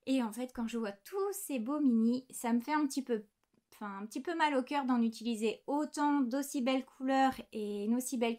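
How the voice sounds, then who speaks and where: A woman in her thirties with a slightly high voice chats casually from her home desk. She shows off small knitting items, often apologizing and pausing over the little details. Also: darkish tone. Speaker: knitting podcast host. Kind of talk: casual show-and-tell chat.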